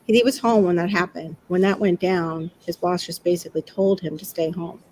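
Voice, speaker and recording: A woman's voice: fairly low pitch, fairly even intonation, normal speed, a little mellow, slight background noise, poor audio. A middle-aged woman chatting casually on a livestream, laughing often and acting out quotes.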